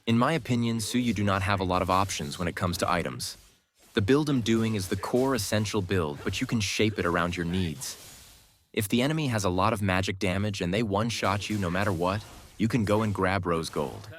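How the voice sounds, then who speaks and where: With a lowish voice and a slightly fast delivery, this male commentator reads a scripted game guide, teaching the player while showing a cocky, playful side.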